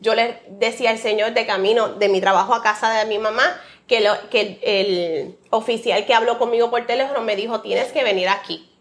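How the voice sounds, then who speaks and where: High-voiced woman testifying. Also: fairly even intonation, a little fast. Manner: heartfelt, faith-filled storytelling with many fillers. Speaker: guest, author. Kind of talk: emotional personal testimony.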